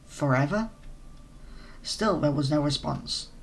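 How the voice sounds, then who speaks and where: A hoarse man who is losing his voice, narrating a role-play adventure in the first person and breaking off for casual asides. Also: on the high side, a little slow, a little hiss or hum.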